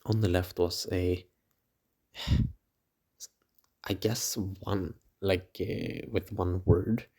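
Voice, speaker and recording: A young man rambling casually through a dream log in a hazy, puzzled, halting way, as if piecing it together as he talks. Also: deep voice, gravelly, dark tone. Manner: swears casually. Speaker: dream diarist.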